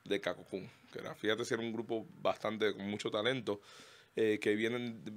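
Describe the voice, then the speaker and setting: A man's voice: fairly low pitch, flat delivery, moderate pace. A middle-aged man from Cuba with a Cuban Spanish accent, a guest pastor and singer telling his story in a casual interview, rambling with restarts. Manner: rambling, frequent restarts, laughs warmly.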